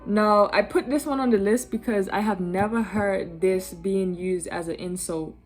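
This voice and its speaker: A woman's voice: mid-range voice, normal speed, soft background music. A young woman from Bermuda with a Bermudian accent, chatting casually in a vlog, laughing now and then and using many fillers. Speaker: vlogger. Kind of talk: casual vlog explaining slang.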